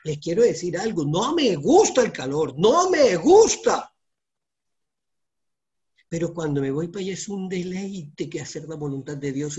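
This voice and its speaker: A man preaching a sermon, animated, moving between soft and loud delivery. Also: on the high side.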